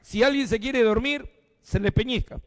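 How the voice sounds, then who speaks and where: High-voiced Peruvian pastor preaching in a hall. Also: male voice, moderate pace. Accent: Peruvian Spanish. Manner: addresses the congregation directly, reads scripture aloud. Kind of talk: sermon.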